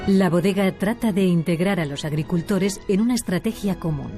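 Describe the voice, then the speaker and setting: In a calm, measured way, a woman with a lowish voice reads scripted documentary narration. It is a studio voice-over with music playing underneath.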